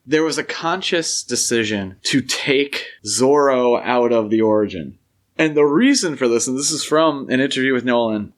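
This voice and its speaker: With a medium-pitched voice, a man co-hosting a podcast talks about film in a conversational, measured and explanatory manner.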